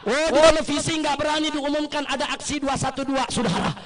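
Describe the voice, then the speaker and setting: A man preaching a fiery call-and-response sermon to a rally crowd, swinging between shouted chants and joking asides. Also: very high voice, fairly even intonation, brisk.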